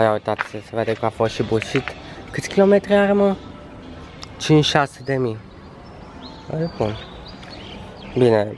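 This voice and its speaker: A man's voice: medium pitch, darkish tone. A young man in his twenties from Romania, vlogging casually and joking as he walks around outdoors, filming himself at arm's length. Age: 20s. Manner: chatty, joking, sarcastic asides. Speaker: travel vlogger. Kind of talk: casual vlog narration. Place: outdoors in a city street and residential complex. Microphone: camera held at arm's length.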